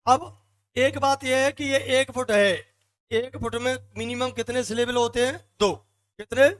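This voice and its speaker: एक पुरुष अंग्रेज़ी साहित्य के शिक्षक, जो कक्षा में कविता के मीटर पर व्याख्यान देते हैं और बार-बार सवाल पूछकर ख़ुद ही जवाब देते हैं, फ़ुट एक-एक करके गिनते हुए।. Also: male voice, very high voice, fairly even intonation, normal speed, fairly bright tone. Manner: asks the class questions and answers them himself, counts out feet one by one. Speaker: English literature teacher. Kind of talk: classroom lecture.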